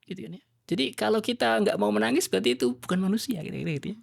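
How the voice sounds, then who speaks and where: A male religious teacher with a gravelly, husky voice talks through his ideas as a podcast guest. He explains in an animated way and often raises his voice. The sound is dry and close. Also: high-pitched, very fast, no echo. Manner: animated, acts out quoted dialogue in a raised voice. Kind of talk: podcast conversation.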